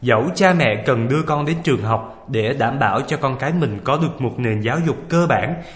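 A man's voice: mid-range voice, animated, brisk, reverberant, long reverb tail. A man co-hosting a religious talk show, teasing his partner playfully and reading passages aloud. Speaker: co-host.

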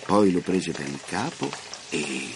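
A man narrating a story for radio with an expressive, theatrical reading. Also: low voice, slow pace, noisy background.

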